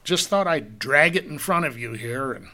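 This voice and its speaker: A man's voice: medium pitch, animated, moderate pace, sharp tone. A man preaching a verse-by-verse sermon, asking the congregation rhetorical questions and drawing out key words for emphasis.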